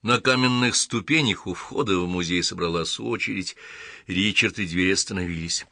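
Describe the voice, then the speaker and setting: A man narrating an audiobook in an even, measured reading. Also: deep voice, vocal fry, no room sound, clean studio sound.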